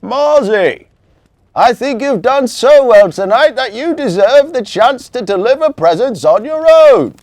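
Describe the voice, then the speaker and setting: A man voicing a kindly old Santa Claus in a children's story, deep and jolly, with a hearty, reassuring manner. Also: expressive, unhurried, darkish tone, no room sound, clean studio sound. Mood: hearty praise.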